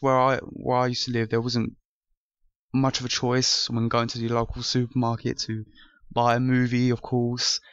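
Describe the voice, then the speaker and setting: A man's voice: mid-range voice, a bit bright, smooth, no room sound, highs cut off. A young British man from France hosting a casual movie review vlog, earnest and rambling with frequent restarts. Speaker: host.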